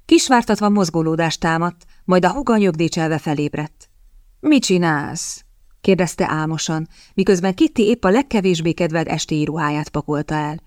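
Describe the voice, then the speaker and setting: A woman reading an audiobook novel aloud in a measured storytelling manner. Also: low voice, a little mellow, no echo, studio quality. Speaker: audiobook narrator. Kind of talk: scripted narration.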